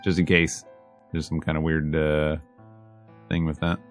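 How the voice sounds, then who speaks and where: A man with a very deep, monotone voice reads a visual novel aloud at a measured pace while streaming it, mixing dramatic reading with wry, casual, exasperated let's-play commentary. Music plays behind him.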